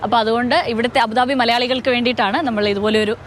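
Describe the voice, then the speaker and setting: A woman's voice: on the high side, steady tone, slight background noise. A woman speaking as an event organiser in an interview clip, talking off the cuff with small hesitations. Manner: quick, unscripted, with small hesitations. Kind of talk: interview soundbite.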